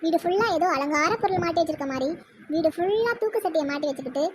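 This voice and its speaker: A squeaky cartoon daughter-in-law, played by a woman who grumbles sarcastically under her breath in a Tirunelveli Tamil accent. Her pitch is extremely high, with a hiss behind it. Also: animated, fast talker. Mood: grumbling. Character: put-upon young daughter-in-law, muttering complaints.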